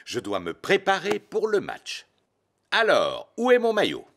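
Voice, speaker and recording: A man voicing a big, jolly, easygoing father pig in a preschool cartoon, jovial and booming. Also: wildly swooping pitch, measured pace, crowd noise, full character voice. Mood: cheerful, hurried.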